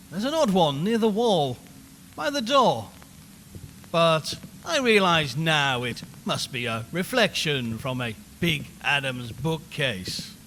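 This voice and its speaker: This man's voice is a little high and a bit bright, and his performance is heavily acted. He portrays a jittery, chatty radio reporter in a haunted house, talking wryly and conversationally to listeners as part of a live-broadcast horror drama. Hiss, ambience, and long reverb fill the recording.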